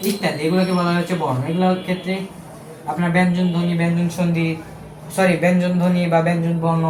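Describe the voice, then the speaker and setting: Male teacher, high voice, chatty and self-correcting, faint room noise behind. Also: echoey room. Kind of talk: casual video lesson.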